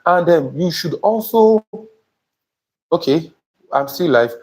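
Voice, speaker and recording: A man's voice: on the high side, lively intonation, slow, a little mellow. A young man with a Nigerian accent, teaching a live session on a lapel mic and often asking viewers whether he makes sense. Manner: emphatic, repeatedly checks in with viewers. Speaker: admissions tutor. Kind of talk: live-streamed teaching talk. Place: indoor studio before a printed banner. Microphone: small lapel mic.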